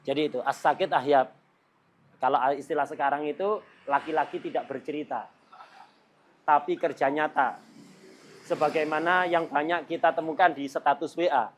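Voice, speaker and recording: Jokey religious teacher. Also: male voice, a little high, normal speed, long pauses, a little hiss or hum. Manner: jokey, laughs often, mimics chatter. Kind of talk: Islamic law lesson.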